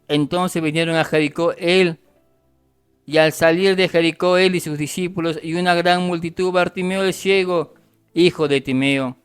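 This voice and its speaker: A man's voice: on the high side, clean tone, no room sound. A male deacon from Argentina preaching a fervent radio sermon, constantly calling his listeners brothers and repeating his phrases. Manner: repetitive, restates phrases.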